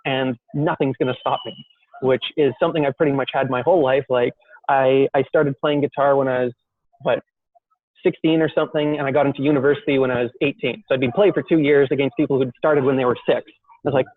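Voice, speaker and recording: A man's voice: medium pitch, fairly even intonation, fast, no room sound. Man's voice, tinny phone-line audio. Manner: self-deprecating, rambling with many fillers and restarts. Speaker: guest entrepreneur. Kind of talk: casual interview storytelling.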